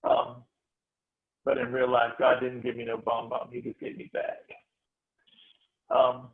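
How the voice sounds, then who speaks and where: A man, a spiritual healer, telling a heartfelt story to a meditation group, animated and restarting his phrases. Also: mid-range voice, measured pace. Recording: tinny phone-like audio.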